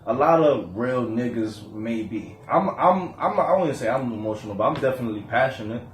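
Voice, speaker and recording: A man's voice: mid-range voice, animated, brisk, roomy sound, a little hiss or hum. A man co-hosting a podcast in casual chat, earnest, restarting his sentences as he makes a point. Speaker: podcast co-host.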